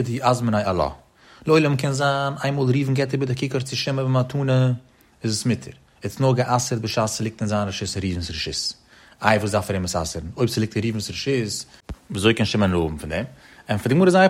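A man giving a Talmud study lecture in a sing-song study-hall intonation, rising and dropping in pitch as he works through the text. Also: breathy edge. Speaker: Talmud teacher.

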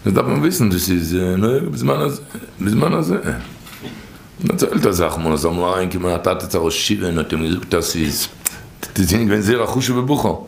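A man telling stories from religious teachings in an informal, animated way, his voice leaping high and then dropping low. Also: fairly quick, gravelly, a little hiss or hum. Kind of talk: informal storytelling talk. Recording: echoey room.

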